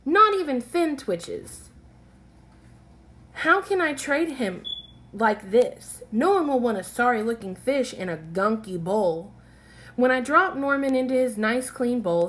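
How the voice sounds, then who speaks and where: A woman with a slightly high voice reads a children's picture book aloud, telling the story in an expressive, deliberate, animated way.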